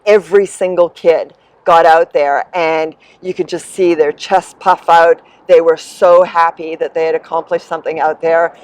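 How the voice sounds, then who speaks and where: A woman's voice: on the low side, fairly even intonation, moderate pace, few pauses, low-quality recording. A middle-aged woman from New Zealand, answering interview questions with upbeat, enthusiastic energy about her business. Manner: enthusiastic, upbeat, warm promotional tone. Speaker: land sailing business coordinator, guest.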